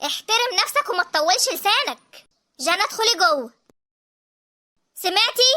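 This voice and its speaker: A woman voicing an angry young wife and mother with an Egyptian accent in an animated drama. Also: extremely high pitch, moderate pace, exaggerated voice. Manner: sharp and scolding.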